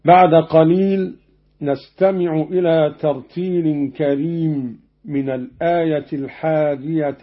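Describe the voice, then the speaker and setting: A man presenting a scripted radio explanation of Quran readings, formal and measured, slowing down to recite the example verses, on a dull old radio broadcast recording. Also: a little high.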